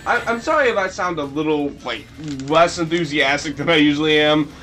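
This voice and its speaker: A goofy young-sounding man rambles through his gameplay commentary in a high, light voice, jumping between jokes and sudden shrill yelps. Faint game music plays under him. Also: fairly quick, sharp tone. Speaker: let's play commentator.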